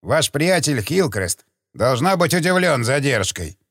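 A man voicing a calm, cold villain posing as a preacher, with an icy, flat, robot-like delivery. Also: a little high, a little slow, no echo, studio quality, full character voice. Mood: coldly threatening. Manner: calm, impassive, commanding.

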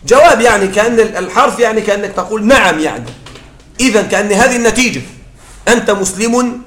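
A man's voice: sits high, lively intonation, fairly bright tone, reverberant. A man teaching Arabic grammar, explaining patiently, often checking that listeners follow and restarting words mid-phrase. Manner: halting restarts mid-word.

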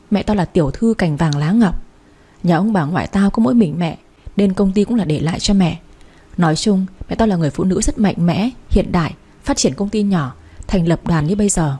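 A woman's voice: fairly low pitch, dark tone, husky. A woman reading the part of a blunt, loyal young woman who talks to her friend frankly and teasingly. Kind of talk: audiobook character reading.

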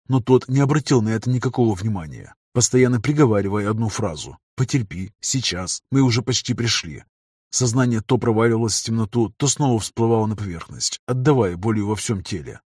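A man narrating a first-person audiobook in an even, measured reading. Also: lowish voice, husky, no room sound, studio quality.

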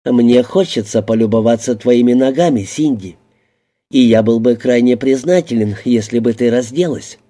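A man voicing a smug, coercive man in an audiobook reading, speaking with slow, even, coaxing menace. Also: medium pitch, close to an everyday voice. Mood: commanding.

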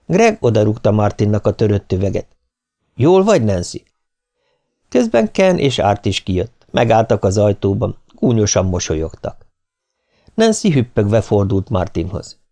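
Man reading a thriller with lively pitch. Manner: expressive, dramatic reading. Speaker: audiobook narrator. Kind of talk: dramatic audiobook narration.

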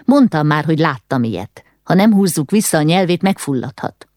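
A woman voicing a calm young stable boy. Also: low-pitched, no room sound, clean studio sound. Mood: explaining. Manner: calm, matter-of-fact.

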